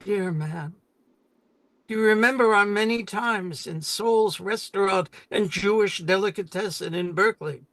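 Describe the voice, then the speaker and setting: An older man giving a solemn, deliberate reading of memorial poetry with dramatic emphasis. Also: high voice, a bit bright, dry recording. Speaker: poet.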